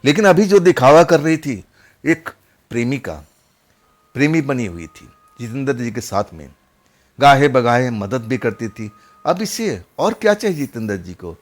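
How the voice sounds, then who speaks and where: A man's voice: medium pitch, sing-song, normal speed. A man narrating a horror story in a casual, conversational way, often repeating his phrases.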